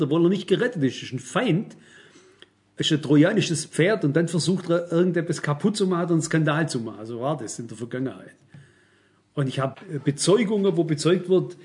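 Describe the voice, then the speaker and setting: A man's voice: a little high, a little mellow. A middle-aged man preaching a sermon, emphatic and speaking straight to the congregation with rhetorical questions.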